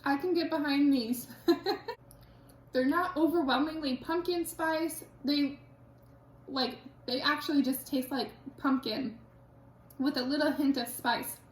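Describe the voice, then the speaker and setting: High-voiced young woman in an echoey kitchen. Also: steady tone, slow, long pauses. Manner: chatty, laughs easily, says "like" often. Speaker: cooking channel host. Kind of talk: casual cooking vlog chat. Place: home kitchen.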